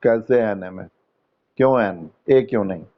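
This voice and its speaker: A man's voice: on the low side, a little slow, dull audio. A man teaching an English grammar lesson in an online class, patiently questioning students by name and explaining step by step in Hindi mixed with English terms.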